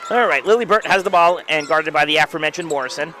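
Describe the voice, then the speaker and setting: A man calling a high school basketball game play by play from courtside, quick calls that jump up on big plays. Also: sharp tone, some chatter behind, a little hiss or hum. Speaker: play-by-play announcer. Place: courtside at a gym.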